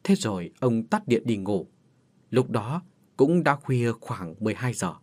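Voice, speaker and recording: A man's voice: medium pitch, very animated, unhurried, a little mellow. A man narrating a horror story in a dramatic, suspenseful scripted manner. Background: faint music.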